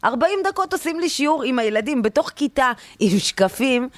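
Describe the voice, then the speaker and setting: A woman chatting casually on a podcast, telling stories in an animated, indignant rant. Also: high-pitched, dry recording.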